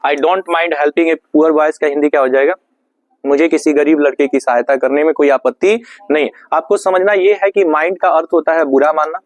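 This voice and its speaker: A man teaching an English class, putting questions to the students, answering them himself, and slowing right down on the English phrases. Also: on the high side, no echo. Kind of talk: classroom lesson.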